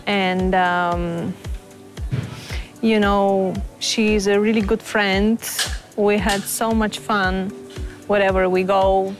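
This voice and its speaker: A woman's voice: mid-range voice, level tone, slow, soft background music. A woman from Bulgaria, with Bulgarian as her first language, interviewed outdoors in a garden, searching for words in English, with a lapel mic. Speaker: model.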